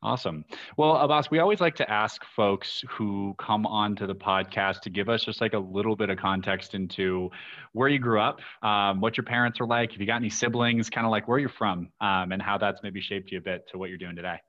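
A man with a fairly low voice hosts a podcast. He asks easygoing, rambling questions. The sound is a bit dull. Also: steady tone, fairly quick, a bit bright. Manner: friendly, loose, filler-heavy questions. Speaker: podcast host. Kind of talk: casual interview hosting.

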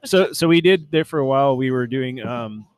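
A man's voice: mid-range voice, normal speed, clean tone, no echo. Chatty man with a dry close sound. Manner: rambling storyteller, stacks up restarts. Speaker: brewery co-owner. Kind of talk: casual chat.

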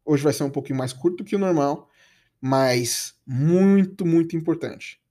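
A man's voice: a little high, measured pace, warm tone. Chatty Brazilian male English teacher. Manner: chatty, coaxing, slangy. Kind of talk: casual podcast lesson.

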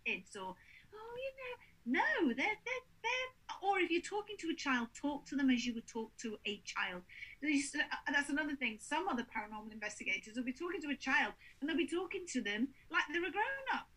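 A woman's voice: sits high, brisk, poor audio. A woman, a paranormal investigator telling stories in casual chat and acting out the people she quotes. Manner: animated storyteller, acts out quotes.

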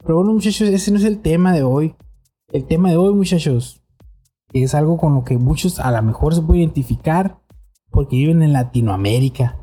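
A man's voice: fairly high pitch, lively intonation, fairly quick, dark tone, slightly rough, faint music behind. A young man with a Mexican accent hosting a casual podcast, joking and teasing his friends. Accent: Mexican Spanish. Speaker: podcast host.

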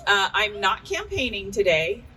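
A woman's voice: medium pitch, very animated, a little slow, bright, forceful tone, distant mic, a little hiss or hum, poor audio. A woman giving a short, somewhat hesitant speech at a community event as an attorney and candidate. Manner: hesitant, with fillers and restarts.

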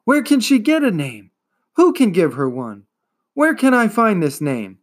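A man's voice: sits high, huge pitch swings, measured pace, voice pushed up, exaggerated voice. A man voicing a desperate young boy hero who cries out urgent questions. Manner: urgent, crying out.

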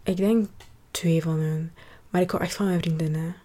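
A woman's voice: low voice, steady tone, normal speed, dark tone. A young woman with a Flemish accent, hosting a personal podcast and talking through her year in a rambling way, often searching for words and restarting. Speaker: podcast host.

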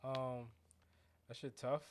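A man's voice: mid-range voice, flat delivery, takes it slowly, slight background noise. An American man in a casual chat with friends, using heavy slang and swearing freely in laid-back phrasing.

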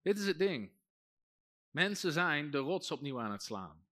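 A man's voice: a little high, very animated, a little slow, pushed and bright. A man, a pastor, preaching a sermon and calling out to his congregation. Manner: preaching with rising emphasis and calls to the congregation.

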